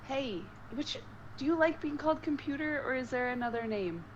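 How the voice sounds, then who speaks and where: Higher-pitched woman playing a tabletop game. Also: animated, normal speed, lo-fi sound, slight background noise. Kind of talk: casual in-game chat.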